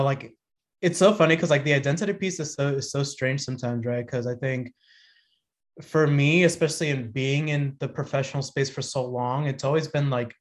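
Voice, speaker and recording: A man in his thirties, a podcast guest, talking in a reflective, rambling way full of fillers and restarts. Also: mid-range voice. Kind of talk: casual conversation.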